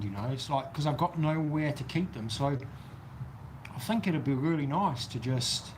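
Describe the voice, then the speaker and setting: Sheltering outdoors on a golf course, a New Zealand man livestreams, casually rambling as he responds to viewer comments. His voice is fairly high, with a little hiss or hum in the audio.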